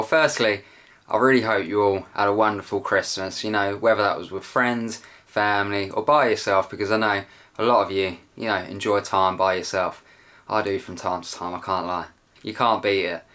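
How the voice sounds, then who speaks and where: A young man talks casually to his viewers in a voice that sits a little low. He rambles along in a chatty, self-deprecating way, like someone hosting his own channel. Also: a bit bright. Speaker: channel host. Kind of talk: casual video chat.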